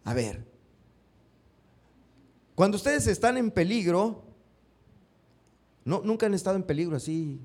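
This preacher's high voice moves at a measured pace with frequent pauses. Throughout his sermon he turns questions on his congregation, his emphasis rising with lively energy.

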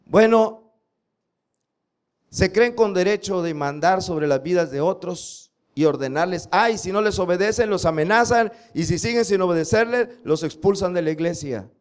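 A man preaches a sermon. He drills scripture slowly and emphatically, pausing to throw rhetorical questions at his listeners. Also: high voice, clear, resonant tone. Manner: slow emphatic recitation of scripture, drilling the audience. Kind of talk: sermon with congregation recitation.

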